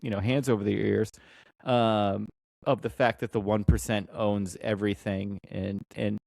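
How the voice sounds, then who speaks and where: A man's voice: lowish voice, little pitch movement, normal speed, gravelly, darkish tone, dry recording. A middle-aged man, a musician guest in a rambling, profane, joking podcast conversation. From Boston area, USA.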